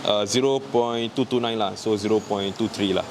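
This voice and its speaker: Malaysian man tutoring over loud background noise. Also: lowish voice, fairly even intonation, normal speed. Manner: colloquial Malaysian slang English, often ending phrases with "lah". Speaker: mechanic demonstrating a repair. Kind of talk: casual hands-on tutorial. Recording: noisy on-location audio, vehicle and ambient hum.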